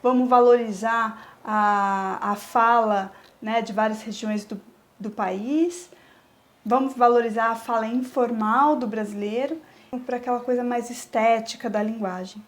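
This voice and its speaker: A Brazilian woman teacher records a review lesson for her students. Her voice sits a little high, and she explains step by step, often stopping to check that they follow. She slows down to draw out syllables when she counts verse. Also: steady tone. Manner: stretches words when scanning verse.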